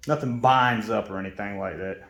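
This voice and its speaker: A man's voice: on the low side, fairly quick, fairly bright tone, roomy sound, slight background noise. A man who is a mechanic talks casually through a motorcycle parts install, half-whispering to himself as he works. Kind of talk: casual how-to while working.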